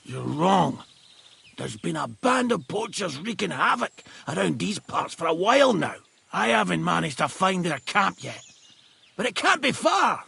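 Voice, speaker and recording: A man's voice: high-pitched, big pitch swings, measured pace, bright, forceful tone, dry recording, exaggerated voice. An actor playing an injured, blunt woodsman who is short of breath and barks orders in a video game. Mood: gruff. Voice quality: gravelly, raspy.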